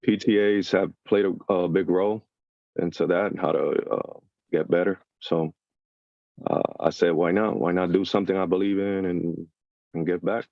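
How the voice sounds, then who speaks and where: This is a man from Puerto Rico in his thirties, speaking from a dry room. His voice is very deep, flat and gravelly. The audio is dull and lo-fi, as on a video call. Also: no room sound. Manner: relaxed, halting with fillers. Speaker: new student. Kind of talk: casual self-introduction.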